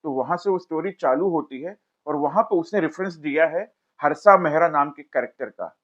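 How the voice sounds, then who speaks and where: A man's voice: a little high, moderate pace, a bit bright, muffled recording. A man giving a casual film review, talking straight to his viewers. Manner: chatty, addresses viewers directly, pleads to subscribe. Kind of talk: casual video review narration.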